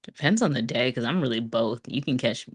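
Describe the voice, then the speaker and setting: A woman's voice: very deep voice, animated, fairly quick, breathy edge. A woman being interviewed in a casual podcast chat, playful and blunt, laughing often. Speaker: podcast guest.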